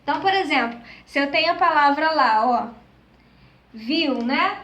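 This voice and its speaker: A woman's voice: sits high, animated, normal speed, fairly bright tone, highs cut off. A woman teacher from Brazil explaining a grammar lesson, checking in with her class through constant tag questions. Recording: echoey room, voice a bit far from mic.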